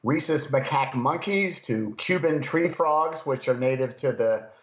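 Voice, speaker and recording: A man's voice: mid-range voice, lively intonation, a little slow. A man from Florida speaking as an interview guest, explaining his academic work in an easygoing, casual way. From Florida, United States. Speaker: interview guest, university professor. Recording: dull, roomy remote sound.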